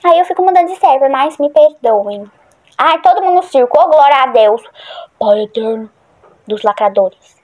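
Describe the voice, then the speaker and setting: With a high, slightly mellow voice and lively intonation, a woman rambles through a horror game for her channel at a moderate pace. Her gameplay commentary is casual, and she's easily startled.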